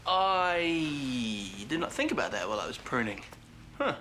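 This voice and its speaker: A man's voice: a little high, very animated, a little slow, bright, forceful tone, a little hiss or hum, heavily acted. An actor with a New Zealand accent playing a cocky young male god who talks in a brash, mocking, joking way. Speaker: actor in a TV series. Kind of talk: TV drama acting. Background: music.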